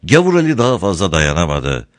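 Low, dry-sounding male storyteller; steady and measured. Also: no room sound. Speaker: narrator. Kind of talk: storytelling reading.

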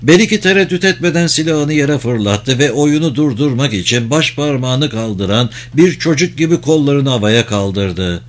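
A man reading a novel aloud as an audiobook narrator, in a measured, steady storytelling delivery. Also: medium pitch. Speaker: audiobook reader.

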